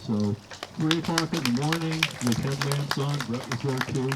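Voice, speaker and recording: Behind clear background noise, a middle-aged man gives a father-of-the-bride wedding toast. His pitch sits in an ordinary male range, and he tells family stories in a folksy, informal way, acting out bits of dialogue. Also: moderate pace, a loud crowd.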